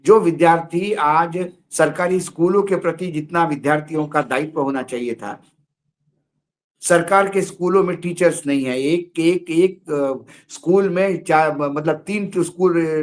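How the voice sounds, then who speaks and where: A man commenting on politics in a studio discussion, heated and rhetorical, repeating his points. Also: fairly high pitch.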